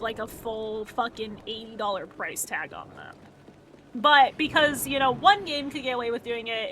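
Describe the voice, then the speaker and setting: Bright chatty woman streamer. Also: fairly high pitch, a little hiss or hum. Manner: rambling, swears casually, laughs a lot. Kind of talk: casual gameplay chat.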